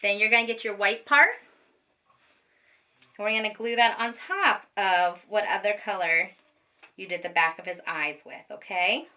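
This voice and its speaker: With a mid-range, pushed, bright voice, this woman talks a little slowly and pauses often. She's a special education teacher giving children patient, informal, step-by-step craft directions and regularly checking in. The recording comes from a far-off microphone.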